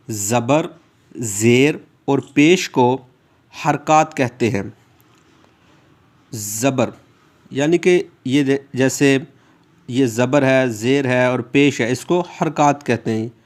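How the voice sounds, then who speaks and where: A man teaching Quran reading step by step, drawing out letter sounds patiently for the listener to repeat. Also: mid-range voice. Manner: slow, patient, drawn-out letter sounds for repetition. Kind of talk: step-by-step recitation lesson.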